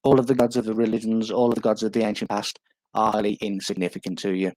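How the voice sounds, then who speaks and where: A man's voice: lowish voice, level tone, fast talker, darkish tone. A man giving a lecture-style presentation over an online call, his audio crackling from a loose cable.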